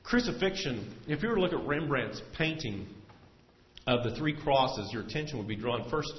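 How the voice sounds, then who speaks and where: A man preaching a sermon from the pulpit, earnest and steady, his voice swelling and slowing whenever he drives a point home. His voice rings through a large, echoey church sanctuary. The recording sounds dull and lo-fi. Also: mid-range voice, a little hiss or hum. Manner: earnest preaching, swells louder and slows for emphasis. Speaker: pastor.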